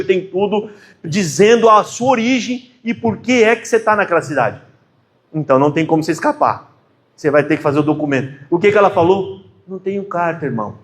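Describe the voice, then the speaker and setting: Impassioned high-voiced Brazilian preacher. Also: male voice. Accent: Brazilian Portuguese. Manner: storytelling, acts out quoted dialogue, builds to impassioned emphasis. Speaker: preacher giving a conference talk. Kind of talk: conference preaching to a congregation.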